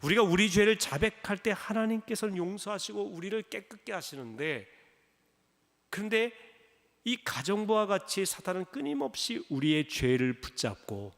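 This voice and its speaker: A male pastor preaching a sermon, telling a story and acting out its lines in a lower voice. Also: expressive, normal speed, vocal fry, fairly bright tone. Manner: acts out dialogue in a lower voice, urgent emphasis. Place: church sanctuary. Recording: church hall reverb.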